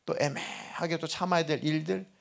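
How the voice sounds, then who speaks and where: A male pastor preaching a sermon in a church, talking in a conversational way and repeating key phrases for emphasis. He drops to a soft, quiet voice at moving points. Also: on the high side, steady tone, normal speed, creaky. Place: church sanctuary.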